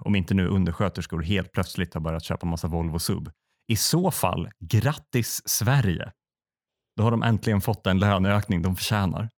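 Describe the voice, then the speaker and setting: A man telling a comic story in a deadpan way, acting out other people in quick quotes. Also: low voice. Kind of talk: comedic storytelling chat.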